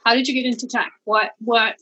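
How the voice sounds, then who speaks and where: A woman's voice: on the high side, level tone, brisk, sharp tone, husky. A woman interviewing casually in rambling questions, sounding like a tin can phone through a headphone microphone. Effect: tinny tin-can sound from a headphone microphone. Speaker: podcast interviewer. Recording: dull tinny headphone mic, remote call.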